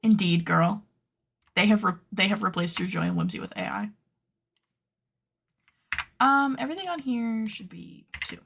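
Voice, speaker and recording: Gravelly, playfully dramatic woman streamer. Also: mid-range voice, sing-song, moderate pace, pauses often, fairly bright tone, a little hiss or hum. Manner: playfully dramatic, scolds her sewing patterns aloud. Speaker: cosplay pattern maker and streamer. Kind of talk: casual livestream chat while working at a computer.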